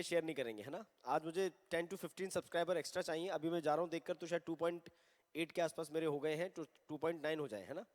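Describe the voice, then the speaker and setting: High-voiced man teaching grammar. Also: darkish tone, big-room sound. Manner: mixes Hindi and English, reads examples slowly. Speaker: English teacher. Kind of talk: recorded online grammar lesson.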